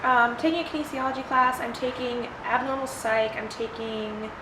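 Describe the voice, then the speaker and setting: A young adult woman with a higher voice answers viewer questions in a solo vlog while sitting in an ice bath, either under shelter outdoors or out in the rain. She speaks at a moderate pace with fairly even intonation, chatting informally and bluntly. The recording has a roomy echo and clear background noise.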